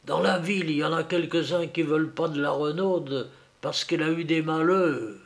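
A man's voice: high-pitched, measured pace, vocal fry, darkish tone, pitched above the performer's own voice. Man voicing a chattering peasant farm wife. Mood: confiding. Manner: rustic, emphatic, chattering. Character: talkative middle-aged peasant farm wife.

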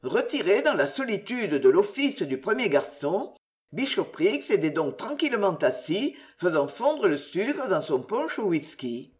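Expressive audiobook narrator. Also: medium pitch, a little slow. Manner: expressive reading with strongly varied intonation. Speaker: audiobook reader. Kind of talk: literary narration.

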